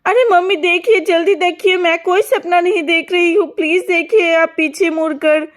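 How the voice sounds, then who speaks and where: A woman's voice: extremely high pitch, fairly even intonation, normal speed. A woman voicing a frightened little girl who keeps pleading urgently in a children's cartoon. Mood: scared pleading. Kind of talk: cartoon voice acting.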